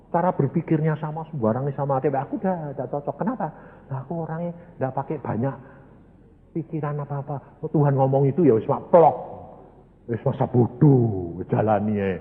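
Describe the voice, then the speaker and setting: A man in his sixties with a Javanese accent, preaching a sermon in a folksy storytelling manner, moving from loud exhortation to hushed asides. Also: mid-range voice, expressive, moderate pace, pauses often. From Indonesia. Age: 60s. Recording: echoey hall over a tinny, phone-like line.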